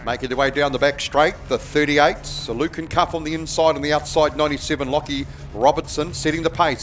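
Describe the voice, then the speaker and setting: A man's voice: medium pitch, fairly bright tone. A man with a New Zealand accent giving casual live commentary as a speedway track announcer.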